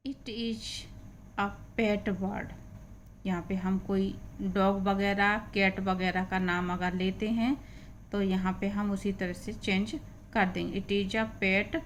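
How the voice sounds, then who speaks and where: Slow, patient woman teaching. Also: medium pitch, a little hiss or hum. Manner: slow, patient, spells out and repeats words. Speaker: English teacher. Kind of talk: reading lesson.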